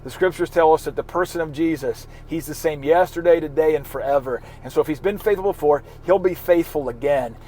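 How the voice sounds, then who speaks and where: A man giving an informal devotional talk as a pastor, earnest and encouraging, often halting and repeating words. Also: fairly high pitch, dark tone, slight background noise, poor audio.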